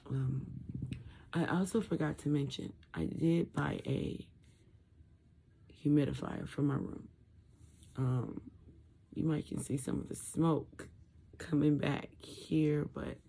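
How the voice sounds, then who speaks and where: A vlogger in their late twenties speaks slowly in a husky, gravelly voice. The throat sounds swollen and sore after tonsil removal, so words come out thick and muffled. The delivery is tired, rambling and dull-edged. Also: medium pitch, steady tone, warm tone. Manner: halting, rambling. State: tired, medicated, in throat pain. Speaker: vlogger sharing surgery recovery. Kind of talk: casual talk to camera. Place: room at home.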